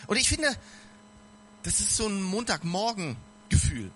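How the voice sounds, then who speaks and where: Lively, high-voiced man preaching casually. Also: a little slow, a little hiss or hum. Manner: speaks directly to listeners, casual and earnest. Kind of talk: informal sermon.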